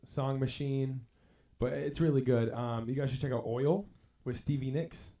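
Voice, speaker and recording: A man's voice: medium pitch, steady tone, moderate pace, mellow. A laid-back man in a casual podcast chat, speaking into a poor microphone. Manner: laid-back, enthusiastic about music. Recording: roomy, echoey cheap mic.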